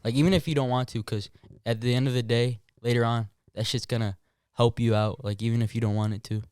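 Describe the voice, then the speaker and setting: A man's voice: medium pitch, fairly even intonation, fast, darkish tone, clean tone, no room sound, studio quality. A man who is a Marine veteran and a podcast guest, talking casually in an earnest, reflective way. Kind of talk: casual chat.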